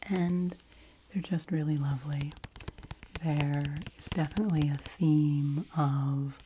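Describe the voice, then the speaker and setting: Woman, 40s, low-pitched, soft ASMR half-whisper as in a library, unhurried, hissy close-mic recording. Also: fairly even intonation, rough recording. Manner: hushed, gentle, slow, often dropping into an unvoiced whisper. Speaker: ASMR video creator reviewing library books. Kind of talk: soft-spoken ASMR book talk in a near-whisper, like a library whisper. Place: small home room with a bookshelf. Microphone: fur-covered microphone close in front of her.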